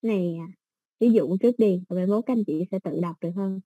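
A woman with a Southern Vietnamese accent, teaching an exam-prep English lesson in a patient, step-by-step way with soft fillers. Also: medium pitch, brisk, breathy edge, dry recording.

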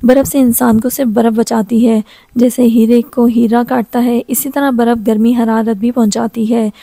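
A woman narrating a romance novel as an audiobook in a measured, even reading. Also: a little high, vocal fry, no room sound.

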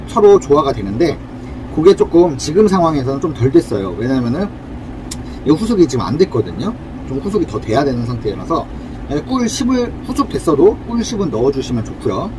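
A man with a fairly high and very lively voice walks through a cafe drink recipe, explaining each step politely. He stands at a cafe counter and talks to a camera set on the counter. Traffic noise comes through clearly behind him. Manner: friendly, explanatory, uses polite speech. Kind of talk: casual cooking demonstration.

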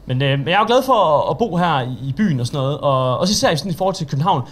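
This young Danish-accented comedian does an open-mic stand-up set made of chatty, self-deprecating stories, voicing each person he describes. He speaks in a slightly high, expressive voice.

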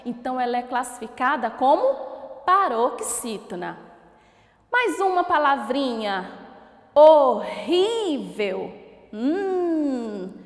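A Brazilian woman teacher giving a recorded lesson to children, slowly sounding out words syllable by syllable and asking encouraging questions. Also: high-pitched, very animated, a bit bright. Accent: Brazilian Portuguese. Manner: slow, drawn-out syllable-by-syllable word pronunciation; encouraging, asks questions and praises. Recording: echoey room with long reverb.

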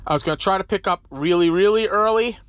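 A man's voice: sits high, fast talker, a bit bright, no room sound. Easygoing trucker man vlogging at arm's length. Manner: rambling, easygoing, talks with many fillers. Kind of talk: casual vlog talk to camera. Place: outdoors at a truck stop lot, later inside a truck cab. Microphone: handheld camera at arm's length.

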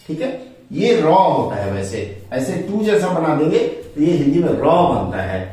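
A man gives a slow, patient lesson, walking through each letter and asking questions as he goes. His voice sits a little high and swings widely in pitch. He sounds far from the mic in a very echoey room. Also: big pitch swings, dark tone. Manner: patient, repeats and asks the learner questions. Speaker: Hindi teacher. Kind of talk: step-by-step script lesson at a board.

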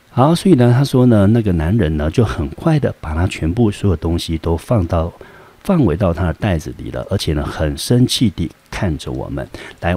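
A man's voice: low-pitched, a little mellow, slightly rough. A man teaching an English grammar lesson, explaining step by step and asking rhetorical questions as he goes. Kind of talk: classroom lecture explaining grammar.

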